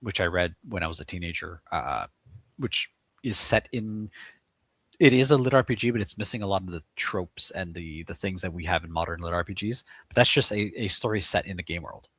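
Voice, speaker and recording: A man's voice: low voice, lively intonation, a little fast, a bit bright, no room sound. A man from Eastern Canada with a Quebec English accent, a guest author chatting casually in an interview with many fillers and restarts.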